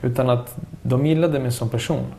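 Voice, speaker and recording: A man's voice: mid-range voice, vocal fry, over a noisy crowd. A man in his forties, a former footballer turned youth coach, telling stories in a casual interview with frequent restarts. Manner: talkative, animated storytelling with frequent restarts.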